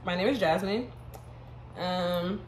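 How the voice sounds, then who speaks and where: A woman's voice: fairly low pitch, slow pace. A young woman from Houston talks in a laid-back, candid way with easy laughs. Her voice rings in a roomy space with a faint hum of ambience behind her. She sounds like a college sophomore chatting with a friend on camera. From Houston, Texas. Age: young adult. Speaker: vlogger. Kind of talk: casual chat.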